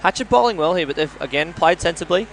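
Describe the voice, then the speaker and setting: An Australian man commentating on a live match, analysing play in a measured way like a coach. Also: fairly high pitch, lively intonation, a little hiss or hum. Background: indoor sports venue with games nearby.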